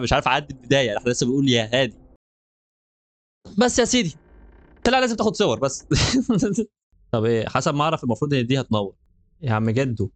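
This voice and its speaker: A young man with an Egyptian Arabic accent, giving jokey, nervous commentary while playing a horror game. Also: mid-range voice. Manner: jokey, nervous, laughs often. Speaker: gaming channel host. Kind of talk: let's play commentary.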